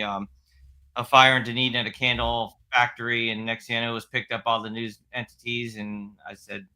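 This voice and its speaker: A middle-aged man from Florida, a guest on a podcast, talking about his background in a relaxed, halting way full of fillers. His voice is very bright and sharp-edged, at a middle pitch. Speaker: guest, local news page owner. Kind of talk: casual interview.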